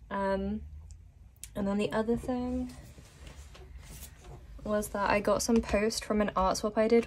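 A woman's voice: on the low side, a little mellow, a little hiss or hum. A woman vlogger chatting casually to camera while sick and a bit weak, rambling with many ums and little laughs.

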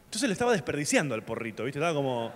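A man's voice: fairly high pitch, big pitch swings, very fast, heavy background noise. Argentine man doing stand-up in a theater. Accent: Argentine Spanish. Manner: loose, slangy storytelling with sudden shouted bits. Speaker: stand-up comedian. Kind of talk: stand-up comedy set. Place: theater stage at a comedy festival. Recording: live theater with long reverb and faint ambience. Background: audience laughter.

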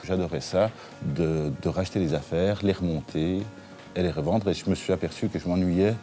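Deep-voiced restaurant owner, relaxed and chatty. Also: male voice, moderate pace, soft background music. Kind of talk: interview. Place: his restaurant dining room.

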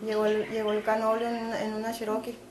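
A young woman, giving a hesitant account of her arrest and often repeating words. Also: fairly high pitch. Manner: halting, flat, repeats words. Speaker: interviewee, detained woman. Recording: background noise.

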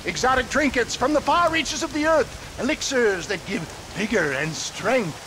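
An older travelling huckster in a Western game. His voice sits high and he talks in flowery, theatrical patter, pompous and sly. Steady background noise runs behind him. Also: moderate pace. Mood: showy sales pitch. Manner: florid, pompous, showman-like patter. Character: grandiloquent, crafty older travelling snake-oil salesman.

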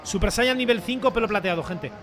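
Un streamer con acento de España que comenta su partida a gritos, repitiendo palabras en ráfagas. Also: male voice, high-pitched, fairly quick, a crowd in the background. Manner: shouts and repeats words in bursts. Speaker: gaming streamer. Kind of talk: excited gameplay commentary.

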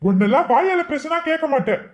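A man's voice: very high voice, very animated, brisk, heavy background noise. A man playing an exasperated husband who scolds his wife impatiently in a comedy skit. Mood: scolding. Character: exasperated husband, stern and embarrassed. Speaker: comic actor in a skit.

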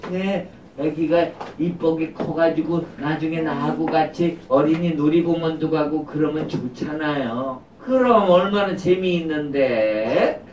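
A woman's voice: low voice, unhurried, a little mellow, a little hiss or hum. A woman voicing a jealous little girl puppet who pleads in a whiny way in a children's puppet show. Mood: happy. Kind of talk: live puppet show for preschoolers. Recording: roomy, distant live room recording.

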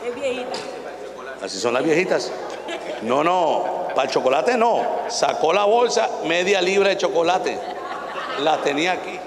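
Preacher, man, folksy and theatrical, fairly high voice, booming church reverb. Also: sing-song, moderate pace, pauses often, crowd noise. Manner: folksy storytelling, acts out anecdotes, rising to shouted exhortation. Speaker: apostle preaching to pastors. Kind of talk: conference sermon. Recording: echoey hall reverb, faint ambience.

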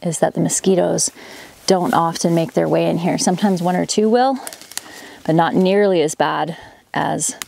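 Speaking at normal speed with a darkish, gravelly voice on the low side, a woman in her thirties narrates a casual how-to farm vlog. She explains her gardening and beekeeping while working, filmed up close on a handheld camera in a plastic greenhouse and outdoor farmyard, with slight background noise.

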